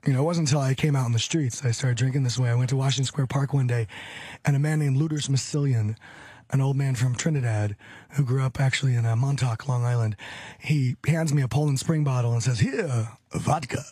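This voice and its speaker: A man's voice: medium pitch, fairly quick, warm tone, husky, no echo. A man in his thirties from Hollywood, California, chatting as a radio show guest, rambling and repeating phrases with frequent chuckles. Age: 30s. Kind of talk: casual radio chat.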